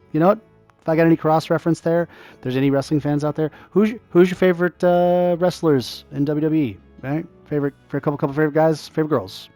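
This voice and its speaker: A man calmly explaining a strategy game step by step as a tutorial host, drifting into rambling asides. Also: mid-range voice, creaky. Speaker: gaming YouTuber, tutorial host. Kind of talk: casual gameplay tutorial commentary.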